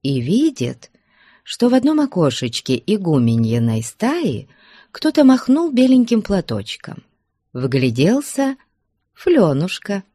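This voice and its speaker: A woman narrating a classic novel in an expressive storytelling manner. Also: mid-range voice, slow pace, husky, no room sound, clean studio sound. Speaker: audiobook narrator. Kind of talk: literary audiobook narration.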